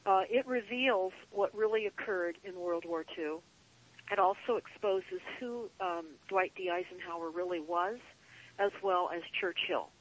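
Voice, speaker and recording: A woman's voice: lowish voice, rough recording. Grave, emphatic woman delivering a conspiracy monologue. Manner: grave, emphatic, deliberate with drawn-out phrasing. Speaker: guest speaker on a call-in show.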